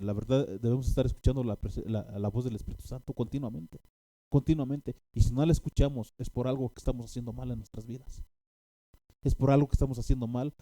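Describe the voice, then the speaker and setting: Dark-voiced preacher telling a story. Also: male voice, medium pitch, dry recording. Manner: halting, many restarts and fillers, rising to animated outbursts. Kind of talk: sermon storytelling.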